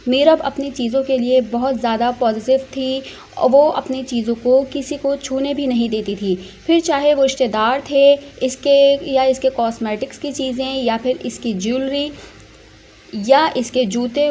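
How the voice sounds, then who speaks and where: A woman narrating a family drama story aloud in a steady, plain storytelling manner. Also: high-pitched, a little hiss or hum.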